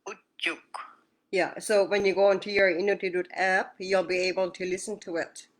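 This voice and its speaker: A woman's voice: medium pitch, little pitch movement, a little fast. A woman teaching a language lesson on a video call, patiently repeating words and answering questions.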